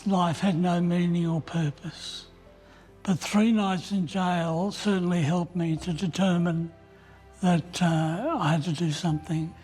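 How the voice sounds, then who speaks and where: Slow, soft-spoken older man. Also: high voice, fairly even intonation, faint music behind. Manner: slow, halting, candid. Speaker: Salvation Army officer. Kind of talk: interview.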